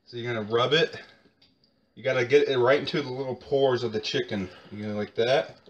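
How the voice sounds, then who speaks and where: A man's voice: mid-range voice, brisk, muffled recording, a little hiss or hum. Young guy, dry joking delivery, running a spoof cooking tutorial from his kitchen. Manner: deadpan, mock-instructional. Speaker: home cooking video host. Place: home kitchen.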